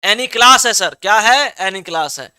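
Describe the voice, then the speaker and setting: A man's voice: sits high, expressive, slow pace, sharp tone, smooth. A man teaching an online exam-prep class, who reads out students' answers and keeps coaxing them, checking often that they have understood.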